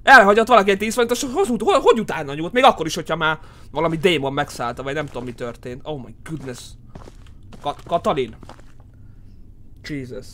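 A man with a Hungarian accent giving horror game commentary, yelling in panic at the scares and muttering low between them. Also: lively intonation, long pauses, a little hiss or hum. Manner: screams and yells in panic at scares, then drops to low muttering. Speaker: gaming streamer.

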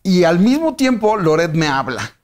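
Un hombre con acento mexicano que cuenta su carrera en una entrevista, con muchas pausas y reinicios. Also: male voice, sits high, big pitch swings. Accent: Mexican Spanish. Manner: rambling, many restarts and fillers. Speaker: interview guest, TV personality. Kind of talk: casual interview chat.

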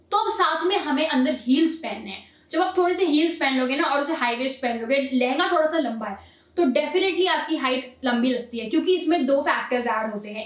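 A young woman giving casual fashion tips in a chatty vlog, mixing English words into her Hindi and calling her viewers guys. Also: sits high. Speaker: fashion vlogger. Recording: roomy echo, from a distance.

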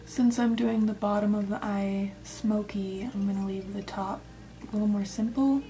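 A woman's voice: medium pitch, steady tone, moderate pace, warm tone, slight background noise. A young woman narrating a makeup tutorial in a casual, step-by-step way, sometimes dropping to a near whisper. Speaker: makeup vlogger.

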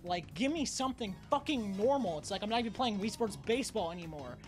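A woman's voice: mid-range voice, animated, fast. Foul-mouthed young woman, exasperated raging gamer. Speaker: gaming streamer. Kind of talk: raging gamer commentary on live gameplay. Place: indoor room at home. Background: faint video game music.

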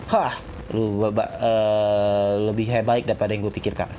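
Halting man reading game dialogue, muffled. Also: fairly low pitch, little pitch movement, slight background noise. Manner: halting, self-correcting delivery. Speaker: gameplay video host. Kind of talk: casual live translation and reading of game dialogue. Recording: dull lo-fi sound, music behind.

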